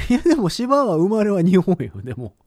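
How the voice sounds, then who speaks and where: Co-hosting a podcast, a man with a Kansai accent trades casual, joking banter full of playful quoted asides. His high voice swings widely in pitch and moves at a brisk clip. The studio recording is clean, with no room sound.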